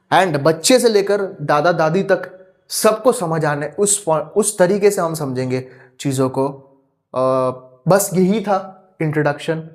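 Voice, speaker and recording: A young man giving an earnest spoken lecture, asking rhetorical questions over and over and mixing in English words. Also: fairly high pitch. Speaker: youtube teacher.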